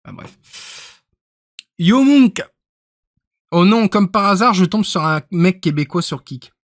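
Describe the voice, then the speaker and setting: A man's voice: high-pitched, unhurried, fairly bright tone, dry recording, studio quality. A young man from northern France with a northern French accent, chatting casually and jokily on a live stream, often trailing off into mutters. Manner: rambling, jokey, trails off into mutters.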